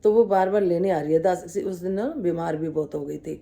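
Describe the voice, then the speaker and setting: Her voice is on the low side and warm, with some vocal fry, and she talks a little fast. A woman sharing a spiritual testimony, she humbly narrates her story to devotees with quoted dialogue, naming herself the servant and speaking to listeners respectfully.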